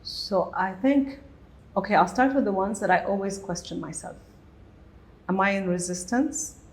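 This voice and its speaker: A woman's voice: mid-range voice, normal speed, low-quality recording. A middle-aged woman from Bahrain, a guest on a podcast interview, telling her story animatedly and acting out her inner dialogue. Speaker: guest entrepreneur.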